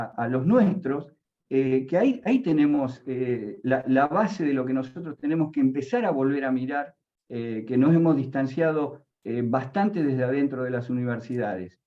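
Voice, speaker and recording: A man, speaking as a university panelist in an earnest, halting way with many fillers. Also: medium pitch, dull audio. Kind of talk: conversational panel reflection.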